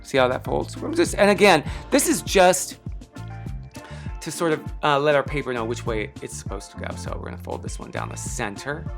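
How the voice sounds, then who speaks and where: A craft lesson host talks through a casual tutorial step by step with background music playing. He's chatty, enthusiastic, and self-deprecating, his speech slightly impeded by a sore tongue. His voice is mid-range, sing-song, and creaky, at a normal speed.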